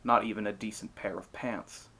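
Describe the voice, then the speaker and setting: A man's voice: fairly low pitch, steady tone, normal speed, bright, forceful tone, breathy edge, exaggerated voice. Man acting out insolent, taunting old ferryman. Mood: mocking. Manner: mocking, provoking. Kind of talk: storybook retelling of a myth.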